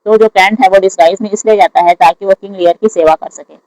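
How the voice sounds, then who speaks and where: An exam prep teacher who reads each English question aloud slowly and then explains the answer in Hindi. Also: medium pitch, steady tone, a little mellow, no echo, rough recording. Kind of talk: lecture solving exam questions.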